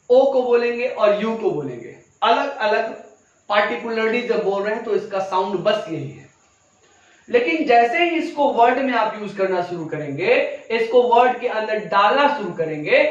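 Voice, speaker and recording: Male teacher, very high voice, slow classroom lesson, rhetorical questions, echoey room, distant mic. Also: lo-fi sound. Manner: asks rhetorical questions and answers them himself; addresses listeners as children. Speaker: English teacher.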